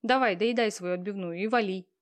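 A woman's voice: mid-range voice, fairly quick, close to an everyday voice. Cheeky young woman friend, matter-of-fact, a woman doing the voice in an audiobook. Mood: breezy. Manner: breezy, matter-of-fact, teasing. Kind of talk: audiobook character reading.

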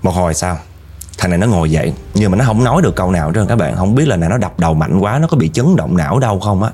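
A man with a Southern Vietnamese accent telling a ghost story in a casual, animated way, often speaking straight to the listeners. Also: sits low, fast, slightly rough. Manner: animated, addresses listeners directly.

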